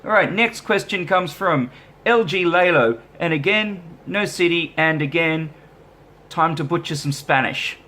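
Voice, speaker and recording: An Australian musician vlogger with a somewhat high, sharp-toned voice answers viewer questions about his band in a casual vlog. Animated yet measured in pace, he is easygoing and self-deprecating, rambling loosely with fillers.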